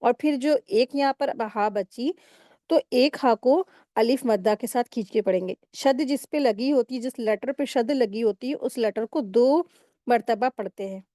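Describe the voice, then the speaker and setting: A woman teaching Quran recitation rules step by step in a patient, explaining manner, pausing to recite words slowly. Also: a little high, dark tone, no echo, clean studio sound. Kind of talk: step-by-step tajweed lesson.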